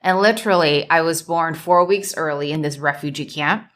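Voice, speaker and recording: A woman from the United States hosting a solo business podcast, speaking in a measured way and building her points in emphatic lists. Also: low-pitched, fairly bright tone. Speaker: podcast host and business coach. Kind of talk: solo motivational podcast talk.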